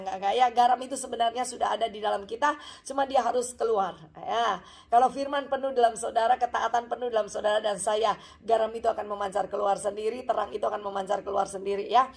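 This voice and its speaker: A woman's voice: fairly high pitch, fairly even intonation, a little fast, vocal fry. A woman pastor giving a chatty, story-filled sermon at a church service, with frequent asides to the congregation.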